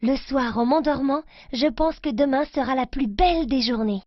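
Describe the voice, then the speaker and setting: A woman reading a children's story aloud, slowly and clearly, in a careful reading voice for children. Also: sits high, no room sound, dull audio.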